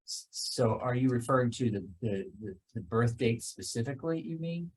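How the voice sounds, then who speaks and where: A man's voice: mid-range voice, animated, moderate pace, background noise. A man chairing a remote work meeting, asking hesitant questions and often restarting them. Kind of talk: leading a work meeting discussion.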